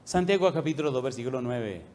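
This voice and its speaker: A middle-aged pastor, animated and fast-talking, preaches a sermon with slight background noise. He hits the congregation with repeated questions and trails off softly and low at the ends of phrases.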